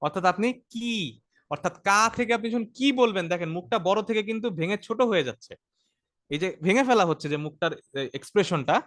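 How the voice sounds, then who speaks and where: A man's voice: sits high, fairly bright tone, no room sound, studio quality. A man teaching an online Arabic grammar class. He explains patiently, repeats his points, checks in with his students often, and mixes English words into his talk.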